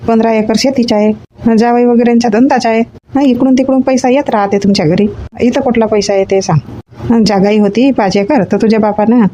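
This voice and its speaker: A woman acting as a mother in a comedy sketch, gently scolding and reasoning. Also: fairly high pitch, fairly even intonation, fairly quick, a little hiss or hum. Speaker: comic actor playing a mother.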